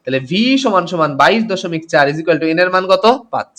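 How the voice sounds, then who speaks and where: A man's voice: fairly high pitch, a little fast, a bit bright. A tired man teaching chemistry in a live online class, greeting students by name as he goes. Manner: reads out comments and greets students by name, mixes English terms. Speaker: chemistry tutor.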